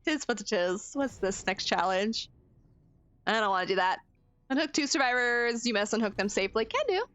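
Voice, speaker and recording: Bright high-voiced woman streamer. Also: moderate pace, no echo, muffled recording. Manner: expressive, swings from frustrated cries to laughter. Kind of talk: casual gaming commentary.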